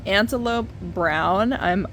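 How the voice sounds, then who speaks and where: A woman's voice: mid-range voice, takes it slowly, fairly bright tone, a little hiss or hum. A woman in her thirties giving a casual, chatty painting tutorial from a basement, recorded far from the mic without a proper microphone. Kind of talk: casual hands-on tutorial talk. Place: basement studio, indoors. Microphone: no external microphone, camera at a distance.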